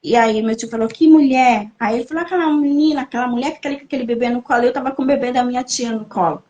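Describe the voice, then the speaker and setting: A woman's voice: on the high side, racing, a little mellow, muffled recording. A young Brazilian woman giving an emotional personal testimony on a podcast, telling her story and acting out the voices she quotes. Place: living in Germany, remote podcast.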